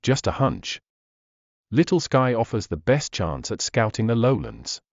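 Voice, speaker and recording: A man voicing an elderly grandmother who keeps a tribe's records, brisk and chiding in a dry manner. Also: medium pitch, sing-song, no room sound, dull audio. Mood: knowing.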